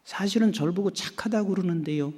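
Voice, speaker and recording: Middle-aged pastor guy preaching, high voice, swings quiet to loud, asks the crowd stuff, big echoey church. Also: quick pace. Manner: swings from hushed near-whispers to loud exclamations; asks the congregation questions. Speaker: senior pastor. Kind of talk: sermon. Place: large church sanctuary. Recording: long church-hall reverb.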